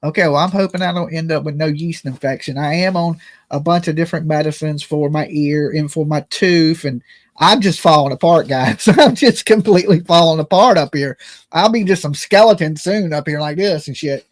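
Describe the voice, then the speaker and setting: A man with a high voice hosts a casual livestream show. He speaks in slangy, folksy language and jokes at his own expense as he delivers his commentary. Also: normal speed. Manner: folksy, joking, self-deprecating, slangy. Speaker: host of a live true-crime commentary and call-in show.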